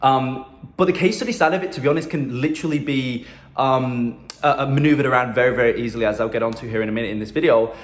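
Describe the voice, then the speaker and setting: A man speaking in a phone video, the handheld phone catching plenty of bounce off the bare walls of an indoor room. His voice sits at an ordinary middle pitch. He gives chatty, filler-heavy business advice to camera. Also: quick pace. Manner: loose and chatty, many fillers like "um", "and whatnot" and "right?". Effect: phone video recording. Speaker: marketing agency coach. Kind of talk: casual advice talk to camera. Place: room indoors in a new apartment. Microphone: handheld phone held at arm's length. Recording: echoey room on a phone mic.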